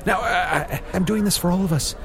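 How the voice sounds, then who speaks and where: Man playing a pompous, theatrical wizard over background noise. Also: high voice. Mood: earnest, halting. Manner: mock-archaic, grandiose, halting speech. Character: pompous, theatrical old wizard, male, faking his own death. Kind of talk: improvised fantasy comedy acting.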